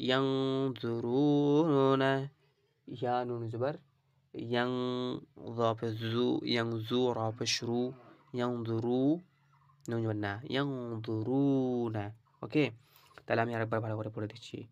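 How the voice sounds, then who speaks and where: Slow, clear-voiced man teaching Quran recitation. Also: mid-range voice, flat delivery, dull audio. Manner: spells out syllables, drawn-out recited words, often asks "right?". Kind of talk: slow spelled-out recitation lesson.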